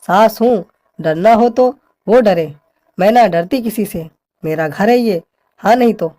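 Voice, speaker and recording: A woman's voice: mid-range voice, unhurried, mellow, natural voice. A woman playing a bossy, complaining older mother-in-law who scolds her daughter-in-law. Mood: scolding.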